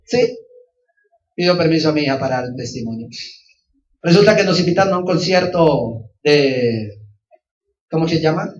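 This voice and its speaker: A man's voice: on the high side, animated, normal speed, pauses often. A man preaching as a pastor, telling a personal testimony with passion and often calling out to his listeners. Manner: impassioned, repeats phrases and keeps calling out to his listeners. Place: church. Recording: roomy, distant and dull church recording.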